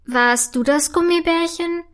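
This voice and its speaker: Curious little girl for a children's audio story, voiced by a woman, bright and high. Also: measured pace. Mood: timid. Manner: wide-eyed and excited. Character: young girl, curious and easily amazed.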